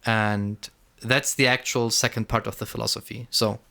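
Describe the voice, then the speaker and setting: A man's voice: fairly low pitch, little pitch movement, normal speed, creaky, sharp tone. A man co-hosting a casual podcast, rambling and repeating words as he thinks aloud. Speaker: podcast co-host. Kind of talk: casual conversational podcast chat.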